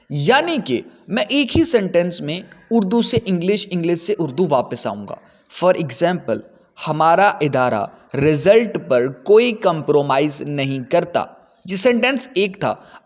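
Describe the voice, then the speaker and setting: A man's voice: high voice, big-room sound, highs cut off. A man giving an explanatory lecture as a teacher, repeating points for his students.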